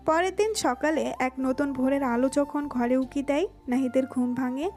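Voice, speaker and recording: A woman with a Bengali accent giving smooth, even scripted narration of a romantic audio story. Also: high-pitched.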